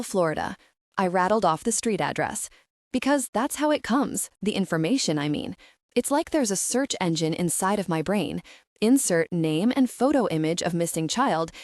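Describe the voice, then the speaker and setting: A woman narrating a first-person audiobook in a lively storytelling manner, voicing the dialogue. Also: mid-range voice, dry recording, clean studio sound.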